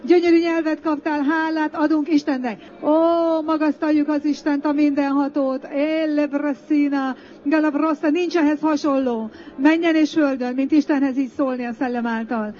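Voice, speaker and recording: A woman's voice: high voice, fairly even intonation, few pauses, dark tone. A woman pastor leading a congregation in prayer, coaxing listeners and chanting long strings of flowing syllables between her instructions. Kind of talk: sermon with guided prayer in tongues. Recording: dull lo-fi recording.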